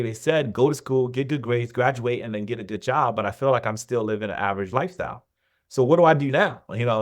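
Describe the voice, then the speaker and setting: A man in his thirties from Nigeria, a podcast guest telling his life story in a relaxed, rambling way. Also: medium pitch. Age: 30s. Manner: relaxed, rambling, restarts and laughs easily. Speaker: podcast guest, business founder. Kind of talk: casual interview storytelling.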